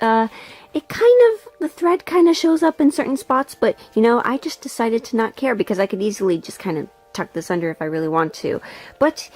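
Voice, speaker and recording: A woman with a mid-range, darkish voice hosts a sewing tutorial in a loose, vlog-style chat, sometimes narrating in voice-over. She keeps it informal and talkative, with a little mild swearing.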